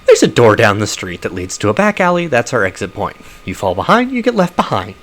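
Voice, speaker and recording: A man voicing a frantic, bossy young orc girl in a game, pushing his voice high and loud. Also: wildly swooping pitch, fairly quick. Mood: urgent. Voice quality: high and shouting.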